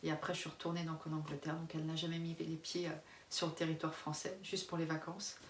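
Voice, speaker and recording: With a level tone and rapid delivery, a forties-aged Frenchwoman chats casually on camera for her expat family vlog. She's candid and meandering, restarts a lot, and laughs frequently. Recorded in an echoey room set back from the mic, with faint hum in the background.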